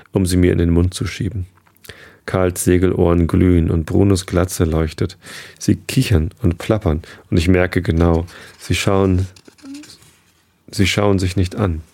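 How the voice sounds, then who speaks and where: Casual: deep creaky guy reading a kids' story aloud, first person. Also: dark tone. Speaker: narrator. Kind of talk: scripted narration of a children's story.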